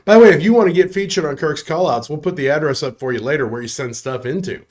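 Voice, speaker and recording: A man's voice: a little high, fast talker. A man hosting a live bar prize giveaway show, jokey and upbeat, with chuckles and asides.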